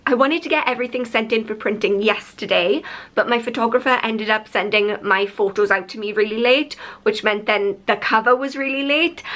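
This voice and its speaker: Chatty, excitable young woman vlogging. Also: a little high. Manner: chatty and excitable, rambling with many "like"s. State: tired. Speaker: vlogger and author. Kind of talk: casual vlog chat to camera.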